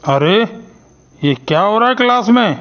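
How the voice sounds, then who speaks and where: A man's voice: high-pitched, lively intonation, moderate pace, fairly bright tone, lo-fi sound. A man voicing a stern, bossy school principal who scolds his staff in a cartoon. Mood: scolding. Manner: scolding, threatens to fire staff.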